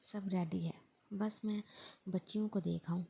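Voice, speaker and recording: A woman reading as a brisk, busy mother. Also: mid-range voice, steady tone, creaky, dark tone, breathy edge, muffled recording. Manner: brisk, hurrying others. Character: busy middle-aged mother hosting dinner.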